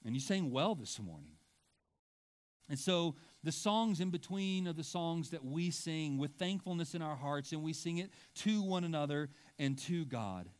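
A middle-aged pastor preaches a sermon in a church sanctuary, conversational and self-deprecating, frequently asking "right?" and stumbling through restarts when he wanders off topic. His voice is on the high side, expressive, and moderately paced.

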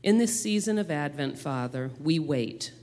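A man's voice: fairly high pitch, animated, moderate pace, darkish tone. A man speaking as a church elder, addressing the congregation with announcements and public prayer. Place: church sanctuary. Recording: long hall reverb.

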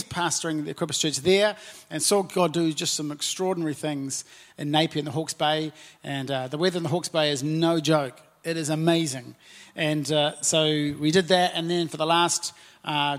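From a church stage, a New Zealand pastor in his forties delivers a chatty, warm sermon. His voice is slightly high for a man, and he speaks to the congregation conversationally, dropping in frequent, easy "and, uh" pauses.

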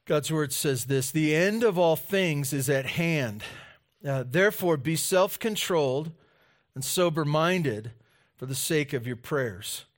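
Slow, earnest preacher at a pulpit microphone. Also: male voice, on the high side, animated. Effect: speaking into a pulpit microphone. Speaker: pastor. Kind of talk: sermon with scripture reading and prayer. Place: church sanctuary.

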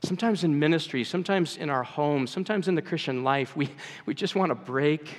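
A man's voice: fairly high pitch, a little fast. Guy preaching a sermon, acts out the bible voices, big echoey church hall. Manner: earnest, acts out quoted voices. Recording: long hall reverb.

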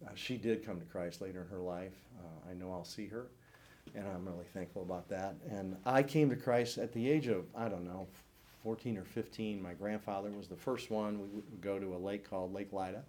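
Deep-voiced older man sharing testimony. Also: steady tone, normal speed, warm tone. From St. Louis area, United States. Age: 60s. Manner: earnest, reflective storytelling. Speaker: church class speaker. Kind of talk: personal testimony talk.

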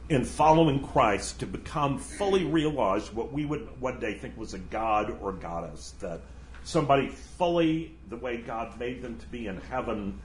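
A man teaching an informal class, with a lively pitch that swings up and down. He wanders off into asides and laughs at them. His voice echoes in a roomy space over faint background ambience. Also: a little hiss or hum. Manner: animated, digressive, laughs at his own asides. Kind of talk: informal lecture.

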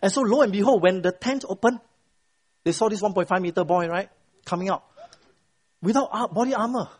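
A man's voice: sits high, fairly quick, slightly rough. A middle-aged man teaching a Bible class, quizzing his students and tagging points with "right?". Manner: quizzes the class, constant "right?" tag questions; retells the story with lively voiced quotes. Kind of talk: interactive Bible lesson to a class.

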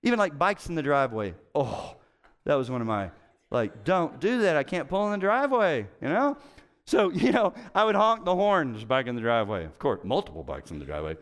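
A middle-aged man preaching a conversational sermon as pastor, telling stories animatedly and acting out quotes with sudden jumps in pitch. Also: wildly swooping pitch, brisk. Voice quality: hard of hearing.

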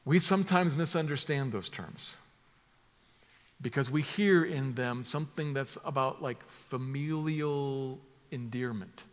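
Man, sermon preacher, emphatic, shifts between hushed and loud, long reverb. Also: medium pitch, unhurried. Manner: emphatic, builds from soft to loud with vivid imagery.

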